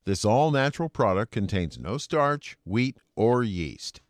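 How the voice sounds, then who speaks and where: Guy reading a radio commercial, bouncy lively pitch, dry close sound. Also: dry recording. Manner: measured sales pitch. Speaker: commercial announcer. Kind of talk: scripted radio ad read.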